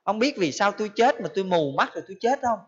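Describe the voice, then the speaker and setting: A man's voice: sits high, lively intonation, fast, breathy edge. A man voicing a sorrowful blind dead wife who pleads with her husband, on a dull lo-fi recording. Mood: pleading.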